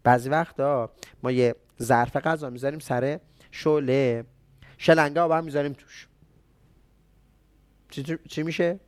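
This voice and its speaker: A man with a somewhat high voice teaches traditional medicine in a relaxed, conversational way. He keeps asking his listeners questions and then answering them himself. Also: long pauses. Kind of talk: explanatory health talk.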